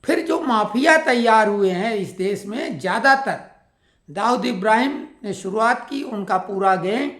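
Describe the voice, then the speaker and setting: A woman with a fairly high voice delivers an opinionated political monologue. She stacks up pointed rhetorical questions as she goes. Her voice rings with the echo of a roomy space. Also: a bit bright. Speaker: political commentator.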